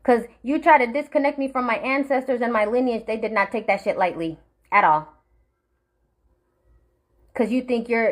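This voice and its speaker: Furious, cursing Marshallese woman. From Marshall Islands. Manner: profane, threatening, vengeful; drops to a low menacing murmur. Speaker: vlogger. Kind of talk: angry direct-to-camera rant.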